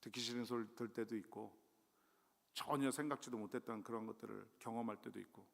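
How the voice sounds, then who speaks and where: A middle-aged male guest pastor preaching a sermon in a conversational, self-deprecating way, with sudden loud rises. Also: fairly low pitch, fairly even intonation, fast talker, vocal fry. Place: church sanctuary. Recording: long church hall reverb.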